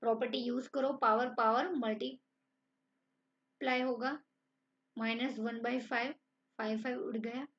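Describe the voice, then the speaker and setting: A woman's voice: a little high, fairly even intonation, moderate pace, pauses often, fairly bright tone, dull audio. A woman teaching a math lesson online, coaxing students through each step. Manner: encouraging, addresses students as friends.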